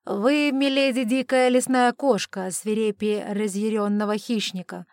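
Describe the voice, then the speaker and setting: A woman's voice: mid-range voice, normal speed, a little mellow, no room sound, studio quality, lightly acted. A woman voicing a brash, sardonic young nobleman in an audiobook. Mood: wry. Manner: indignant and sardonic. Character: brash wry young male lord, nobleman.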